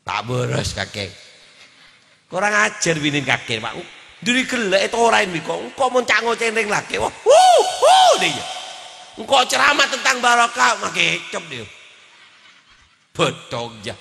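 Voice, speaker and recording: Preacher guy, high gravelly voice, bright and ringing in a big reverby hall. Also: moderate pace, pauses often. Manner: animated, mixes jokes, chants and shouted lines. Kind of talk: humorous Islamic sermon.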